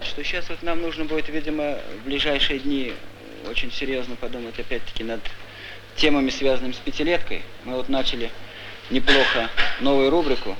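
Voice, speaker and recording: Halting male editor, noisy old recording. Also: mid-range voice, fairly even intonation. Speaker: newspaper editor. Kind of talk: unscripted talk at an editorial meeting. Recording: noisy old film location sound.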